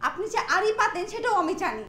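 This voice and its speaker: A woman's voice: extremely high pitch, very animated, quick pace, pushed and bright, full character voice. An actress playing a proud, dreamy young woman tenant who answers her landlady in proper, defensive speech. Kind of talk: TV drama acting.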